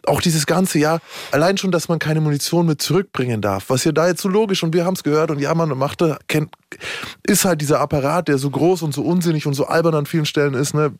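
A man's voice: fairly high pitch, quick pace, no echo, clean studio sound. A man chatting casually and slangily, thinking aloud in long, rambling runs. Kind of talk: casual chat, animated commentary on a story.

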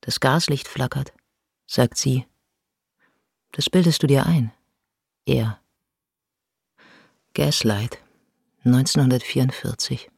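A woman narrating a scripted spoken-word piece in a measured, grave manner. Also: a bass voice, creaky, slightly rough, dry recording, clean studio sound. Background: music.

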